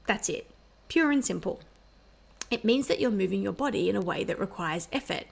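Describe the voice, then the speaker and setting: A woman's voice: medium pitch, animated, fairly quick, creaky. Upbeat woman giving a wellness talk. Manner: gentle, upbeat, conversational. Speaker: podcast host.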